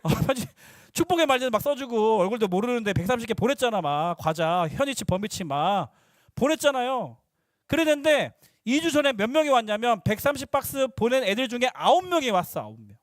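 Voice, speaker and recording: A young male youth pastor preaching to middle schoolers, lively and teasing, slipping into casual talk with the teens. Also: extremely high pitch, brisk, dry recording, clean studio sound.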